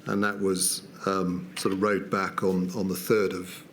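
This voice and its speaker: A man's voice: deep voice, flat delivery, unhurried, a little hiss or hum. A British man giving formal testimony at a public inquiry, hesitant, with many fillers and restarts.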